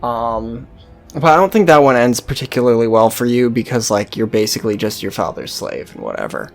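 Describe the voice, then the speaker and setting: Fairly quick and very animated, this mid-range commentator riffs casually on a game with faint music in the background. His remarks come sweary, sardonic and offhand, all improvised.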